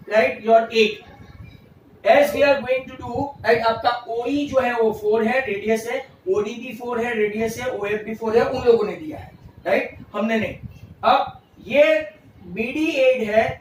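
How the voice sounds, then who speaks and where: A man teaching a maths lesson with a very high voice, speaking slowly and deliberately, mixing English into Hindi and checking "right?" constantly. He sounds loud and strict, scolding students who skip class. He is heard from a distance in an echoey room with faint background ambience. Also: a little hiss or hum. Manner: mixes English into Hindi, repeats "right?" often; stern, scolds absent students. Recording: roomy echo, distant mic, faint ambience.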